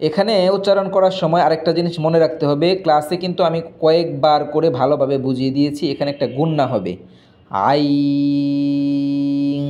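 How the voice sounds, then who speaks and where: A man teaching a Quran reading lesson, spelling out letters slowly with long drawn vowels, then explaining quickly to his students. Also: fairly high pitch, a little mellow.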